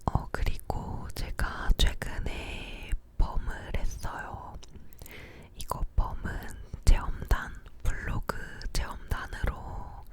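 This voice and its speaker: Woman leaning in, slow close whisper. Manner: slow, soft, unhurried murmuring. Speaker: ASMR video creator. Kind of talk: whispered ASMR chat about daily life. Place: living room at home. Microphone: close to the mouth, ear-to-ear.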